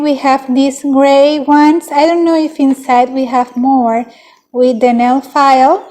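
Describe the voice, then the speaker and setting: A young woman with a high, soft-toned voice hosts a beauty unboxing vlog. She speaks slowly and unhurriedly, naming each item one after another. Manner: unhurried, listing items one by one. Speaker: beauty channel host.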